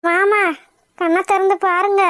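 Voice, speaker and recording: A woman's voice: very high-pitched, little pitch movement, unhurried, fairly bright tone, no room sound, clean studio sound. A woman voicing a devoted young wife in a cartoon, clingy and pleading. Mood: tearful.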